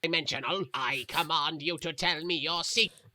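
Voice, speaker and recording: A man's voice: fairly high pitch, moderate pace, sharp tone. A man voicing a scheming young male villain in a parody cartoon dub, grandiose and commanding.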